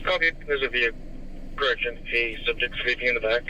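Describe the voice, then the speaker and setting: A police officer, a man, speaking over a police radio transmission in clipped, matter-of-fact radio traffic with halting fillers. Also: medium pitch, bright, forceful tone. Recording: muffled scanner radio with hiss.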